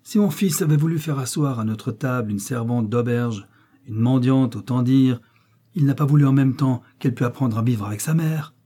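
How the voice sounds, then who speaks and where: A man's voice: medium pitch, moderate pace, dark tone, husky, natural voice. A man voicing a harsh, bitter older peasant mother-in-law who scolds in a raised voice in an audiobook. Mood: spiteful. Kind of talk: audiobook reading.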